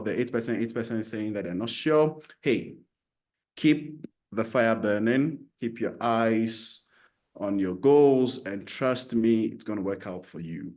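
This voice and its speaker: A man from Ghana hosts an online business forum from a computer mic on a video call. His voice sits mid-pitch and he talks with an energetic, encouraging, chatty push, often restarting his sentences. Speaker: host. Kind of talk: upbeat online forum hosting.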